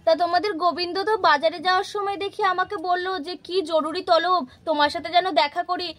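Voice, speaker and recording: A woman voicing a hurried village milkwoman. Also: very high-pitched, fairly even intonation, a bit bright. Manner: hurried, protesting, repeats words. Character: busy village milkwoman who owns a naughty cow, defensive. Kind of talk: toy-house puppet play.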